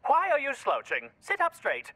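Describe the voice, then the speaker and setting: A woman's voice: high-pitched, wildly swooping pitch, normal speed, pushed and bright, a little hiss or hum, exaggerated voice. A woman voicing a prim, bossy talking pet collar in a cartoon, scolding in a prissy, proper way. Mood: nagging. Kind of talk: animated cartoon acting.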